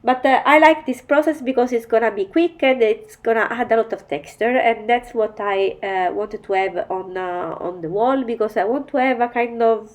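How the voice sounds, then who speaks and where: A woman with a bad cold, her voice nasal, talking through a mixed media art tutorial in halting, step-by-step English. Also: fairly high pitch. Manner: halting, explains each step in non-native English. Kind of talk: voice-over craft tutorial narration.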